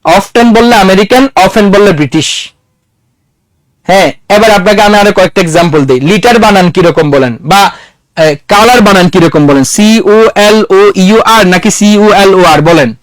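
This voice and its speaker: A man's voice: high-pitched, a little fast, no echo. A man lecturing a classroom in a conversational way, quizzing his students and mixing English words into his talk. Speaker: teacher.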